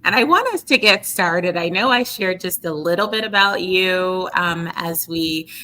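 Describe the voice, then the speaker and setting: A woman hosts a podcast interview with a bright, crisp tone set a bit low. She sounds upbeat and enthusiastic as she welcomes her guest and asks questions. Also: unhurried, slight background noise. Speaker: podcast host.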